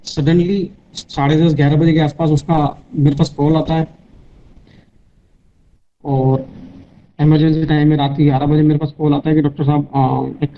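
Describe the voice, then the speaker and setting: A male teacher recounts a patient's case to his class in a storytelling way, voicing both doctor and patient. His voice is very mellow and relaxed. It sits slightly high. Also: moderate pace, long pauses, highs cut off. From India. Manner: retells a patient case, quoting both sides. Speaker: homeopathy teacher.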